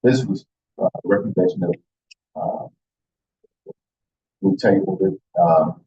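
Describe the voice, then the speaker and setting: A man with a gravelly, husky voice chairing a board meeting in formal procedural language, heard through tinny call audio. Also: deep voice, unhurried.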